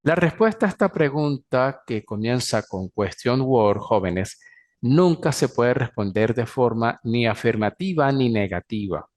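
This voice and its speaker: A man with a Venezuelan Spanish accent teaching an English class, slowly explaining and drawing out example phrases. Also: mid-range voice, animated, a little mellow. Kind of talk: recorded class lecture.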